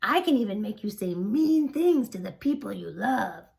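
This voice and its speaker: A woman's voice: mid-range voice, expressive, normal speed, creaky, darkish tone. A woman voicing a hairy red creature who is the boy's anger, speaking in a reassuring, coaxing way.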